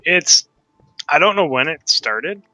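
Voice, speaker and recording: A man's voice: a little high, lively intonation, slow pace, sharp tone, dry recording, soft background music, rough recording. A man from Upper Michigan chatting casually during a game, easygoing and full of "like". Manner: easygoing, heavy use of "like". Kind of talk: casual chat while gaming.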